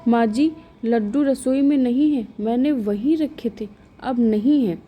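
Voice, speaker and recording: Woman reader as a dutiful young wife, respectful and soft-spoken, unhurried. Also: on the high side, slightly rough. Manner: polite, respectful. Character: meek, dutiful young daughter-in-law.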